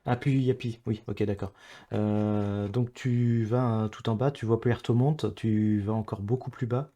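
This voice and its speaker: A man's voice: lowish voice, fairly even intonation, moderate pace, dark tone. A man with a French accent talking casually with his teammate while playing a geography game, hesitant and full of fillers. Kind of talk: casual gaming chat.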